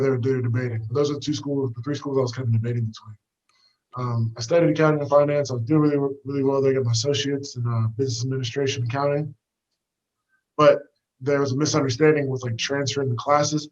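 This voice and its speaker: Walking outdoors, a young American fighter gives a casual storytelling interview about his past, rambling in an easygoing way with lots of fillers. His mid-range voice has a darkish tone, and the audio is dull.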